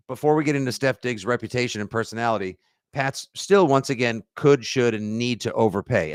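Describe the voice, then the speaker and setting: Animated jokey man on a podcast. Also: medium pitch, clean tone, no echo, studio quality. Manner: animated, jokey, slips into silly voices. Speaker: podcast co-host. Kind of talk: casual sports podcast chat.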